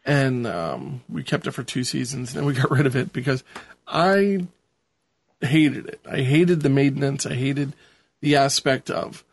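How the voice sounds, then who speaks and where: A man's voice: mid-range voice, lively intonation, measured pace, gravelly. A man hosting a podcast, recapping a show in casual, rambling conversation. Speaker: podcast host. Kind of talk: casual episode recap chat.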